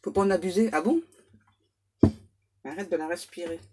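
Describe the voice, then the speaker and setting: A woman's voice: lowish voice, normal speed, very noisy. A woman medium giving a casual oracle card reading, chatty and self-mocking as she banters aloud with her spirit guides.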